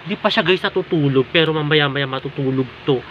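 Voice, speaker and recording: A man from the Philippines chats casually into his phone camera while vlogging at home, addressing his viewers as guys over and over. The audio is dull and lo-fi, with steady background noise and the hum of household sounds clearly present. His delivery is loose and conversational. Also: fairly high pitch, a little fast. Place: at home indoors.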